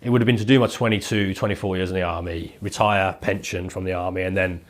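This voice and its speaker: With a quick pace, a low pitch and fairly even intonation, a podcast guest tells his story. He is an English leather maker in his thirties, nasal from a head cold, chatting in a casual, rambling way with constant use of "like".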